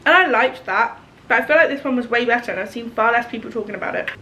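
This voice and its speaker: A woman's voice: on the high side, fast, bright, forceful tone, slight background noise. A woman, chatting casually in a vlog, rambling and a little woozy after being ill. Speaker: vlogger.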